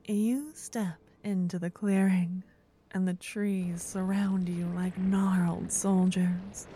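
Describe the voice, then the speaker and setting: A woman softly whispering a second-person ASMR story as narrator. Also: mid-range voice, flat delivery, slow pace, slight background noise.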